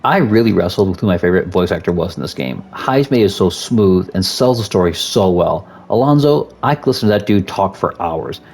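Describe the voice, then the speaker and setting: A man's voice: low voice, animated, brisk, creaky, few pauses, darkish tone. A father co-hosting a scripted video game review with his son, speaking enthusiastically.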